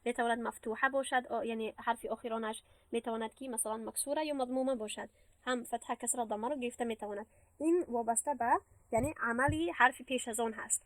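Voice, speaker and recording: A woman teacher walks through a grammar lesson with patient, step-by-step explanations. Her voice sits a little high. She is recorded dry and close, with almost no room sound. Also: fairly bright tone, no echo. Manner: patient, step-by-step explaining, recites verses slowly. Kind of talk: classroom lesson.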